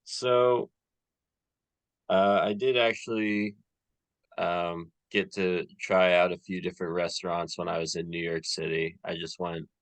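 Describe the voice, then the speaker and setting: Deep slow-talking male podcast host. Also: no echo. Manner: relaxed, rambling, many fillers. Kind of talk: casual podcast chat.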